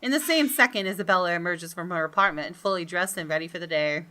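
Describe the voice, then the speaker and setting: Fast and forceful, a woman gaming host reads story narration aloud and chats with viewers during a let's play. Her voice sits fairly low and sounds bright, with faint game music in the background.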